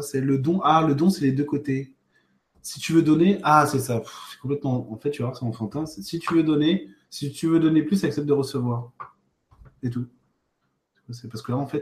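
A man talks through viewer questions in a loose, off-the-cuff way, filling pauses and restarting sentences while speaking to each person directly. His voice sits at an ordinary middle pitch. The room around him is echoey and live. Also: darkish tone. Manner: spontaneous, thinks aloud with many fillers and restarts. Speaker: spiritual coach answering viewer questions. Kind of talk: casual livestream Q&A. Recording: roomy echo.

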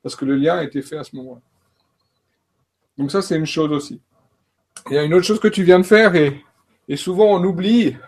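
On a learning-themed panel, a male coach and trainer, a native French speaker, talks a little fast in a somewhat high, slightly raised, a little mellow voice. He pauses often and sounds hesitant, with lots of fillers and restarts.

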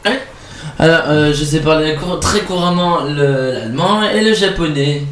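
A man's voice: a little high, moderate pace, fairly bright tone, echoey room, a little hiss or hum. A man co-hosting a local radio show, hesitant and searching for words in casual banter. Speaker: radio co-host. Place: local web radio studio.

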